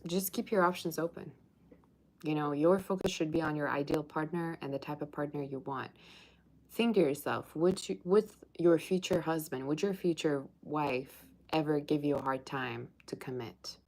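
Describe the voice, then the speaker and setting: In a low, slightly mellow voice at a moderate pace, a Russian tarot reader chats and teases through her livestream, reading out viewer comments and singing pieces of old songs. The recording quality is low.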